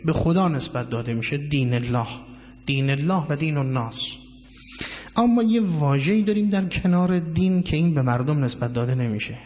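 A man giving a measured lecture on word origins, drawing out key words and reciting Arabic phrases. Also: medium pitch. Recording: dull lo-fi sound with long hall reverb.

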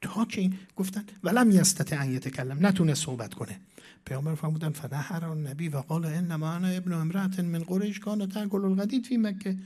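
A man giving a sermon, reciting scripture in a measured way and swinging between loud declaiming and hushed asides. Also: fairly high pitch. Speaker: preacher.

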